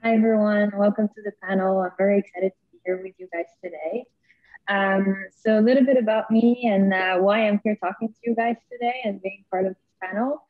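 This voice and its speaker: A woman's voice: mid-range voice, fairly even intonation, a little fast, dry recording. Woman from Switzerland, panelist; chatty, upbeat, thin phone-like sound in a dead-dry room. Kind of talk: self-introduction on a panel. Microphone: video call. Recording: dry tinny call audio.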